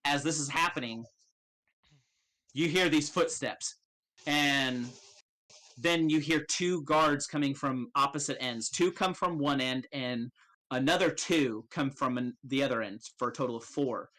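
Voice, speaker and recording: A man narrates a tabletop game as its game master. His voice is bright and forceful at a middling pitch, and his delivery is casual, halting and loosely improvised. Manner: casual, halting, swears freely.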